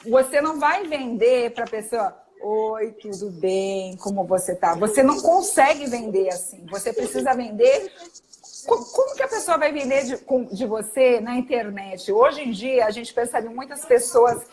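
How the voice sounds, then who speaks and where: A woman with a Brazilian accent, a doctor giving an animated, emphatic live talk. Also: on the high side, moderate pace, rough recording. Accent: Brazilian Portuguese. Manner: energetic, emphatic, demonstrates tones of voice. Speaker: guest speaker, doctor.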